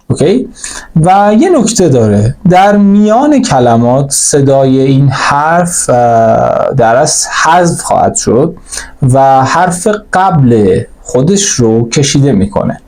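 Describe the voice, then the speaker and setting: A man who speaks Persian natively, teaching a spoken language lesson, explaining each letter and saying it slowly again, with frequent fillers. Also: medium pitch, a little mellow. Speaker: German teacher.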